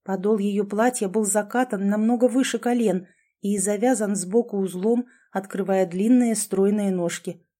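A woman's voice: medium pitch, fairly even intonation, moderate pace, dark tone. A woman narrating a fantasy storybook aloud. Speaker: audiobook narrator.

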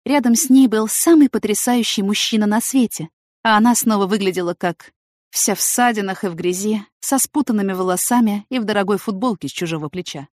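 A woman's voice: medium pitch, a little fast, a little mellow, no room sound, studio quality. A woman narrating a novel as an audiobook, reading steadily and evenly.

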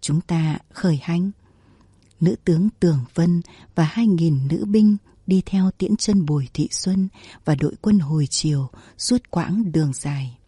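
A woman narrating a historical story in a measured, dramatic storytelling manner. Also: on the low side, mellow, breathy edge, dry recording. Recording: dry close recording with faint music.

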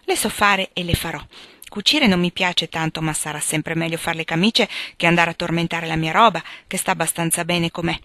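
A woman's voice: fairly low pitch, steady tone, a little fast, sharp tone, no echo. A woman voicing a sensible young woman, the eldest sister, who talks in an earnest, slightly wary way, in a dry recording.

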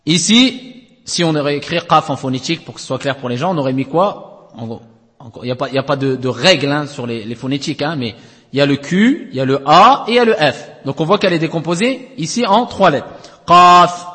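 A man's voice: fairly high pitch, lively intonation, fast talker, a bit bright. Man, recitation teacher, patient step-by-step explaining, stretched chanted letters, lingering reverb. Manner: explanatory, checks understanding with frequent tag questions, chants letters at length. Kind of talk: classroom lesson on Quranic recitation rules.

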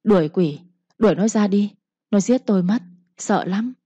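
A woman's voice: medium pitch, moderate pace, mellow, breathy edge, no echo, dull audio, natural voice. A woman voicing a deranged, frightened first wife who pleads in terror, in a storybook reading. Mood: terrified. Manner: terrified, pleading.

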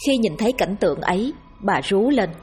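Woman storyteller, grim dramatic horror narration, husky tone, faint music underneath. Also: mid-range voice, expressive, brisk, darkish tone.

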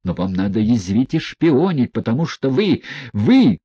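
A man voicing a bitter young man who snaps in shrill, seething outbursts. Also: very animated, measured pace, dark tone, breathy edge, no echo, lo-fi sound. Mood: furious.

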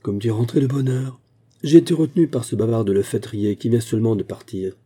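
A man's voice: medium pitch, quick pace, warm tone, breathy edge, lightly acted. A man voicing a young husband who turns stammering and flustered. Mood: cheerful. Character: young dark-haired husband, cheerful then flustered.

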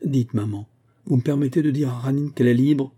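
A man's voice: medium pitch, a little fast, dark tone, breathy edge, pitched above the performer's own voice, natural voice. A man voicing a proud, defiant young schoolgirl who speaks in a haughty, insistent way.

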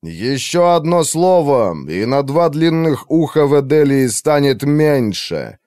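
A man's voice: sing-song, unhurried, a little mellow, dry recording, clean studio sound. A man voicing a towering, arrogant male mage who thunders his threats with contempt. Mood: enraged. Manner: booming, contemptuous.

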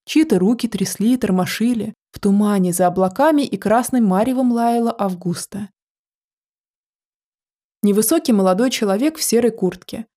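A woman narrating a story with a steady, measured reading. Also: mid-range voice.

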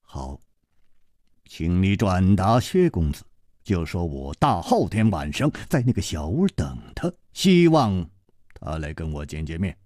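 A male storyteller voicing a calm, worldly swordsman hero who speaks low, hushed and measured. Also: no room sound, studio quality. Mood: calm, wry. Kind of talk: storytelling with character voices.

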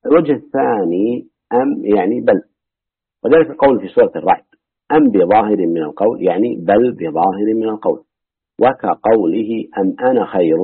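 Low husky man reading scripture commentary. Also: no echo. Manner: measured reading that drops to low asides. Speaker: reader and teacher of Quran commentary. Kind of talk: reading a classical commentary aloud with brief remarks. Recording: dry, tinny phone-like audio.

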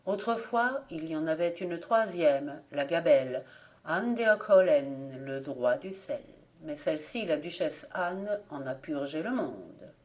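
A woman reading folk tales aloud as an audiobook narrator, with steady, clear storytelling. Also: low-pitched, takes it slowly, faint music behind. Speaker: volunteer audiobook reader.

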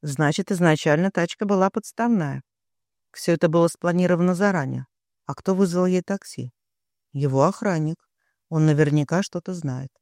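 Fairly high-voiced male narrator, dry sound. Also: normal speed, a little mellow, no echo. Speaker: audiobook narrator. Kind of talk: dramatic scripted narration.

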